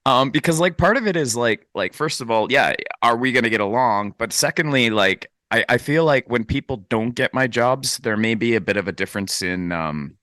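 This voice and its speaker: A man's voice: mid-range voice, lively intonation, moderate pace, few pauses, a bit bright, no echo, studio quality. A man chatting casually on a podcast, rambling with hesitant restarts and frequent laughs. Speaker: podcast host. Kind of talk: casual chat.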